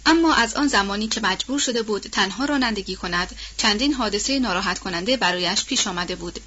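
A woman narrates a novel with a steady, formal literary delivery. Her voice is bright and forceful. The audiobook recording sounds dull and lo-fi. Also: medium pitch, slight background noise.

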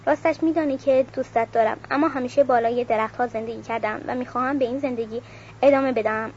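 A woman voicing a calm, stubborn young baron while reading a novel aloud, on a dull recording with faint hiss. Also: on the high side, lightly acted. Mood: gentle.

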